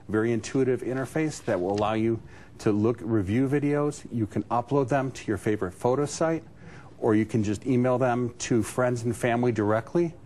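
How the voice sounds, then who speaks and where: A man's voice: mid-range voice, mellow. A man presenting on a home shopping show, explaining a product step by step in loose, conversational talk peppered with "you know". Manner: explanatory, conversational, frequent 'you know'. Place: TV shopping studio. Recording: noticeable background noise.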